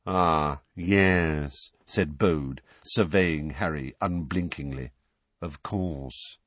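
A man's voice: fairly bright tone, no room sound, exaggerated voice. A man voicing a mournful wizard who speaks in a sepulchral tone. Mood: ominous. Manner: slow, low and gloomy.

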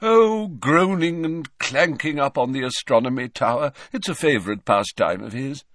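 A man puts on a chatty, refined male ghost who gossips in a polite way, acting it only lightly. He raises his pitch above his natural voice to a medium level, speaking at normal speed with lively intonation and a fairly bright tone. The studio-quality recording has no room sound.

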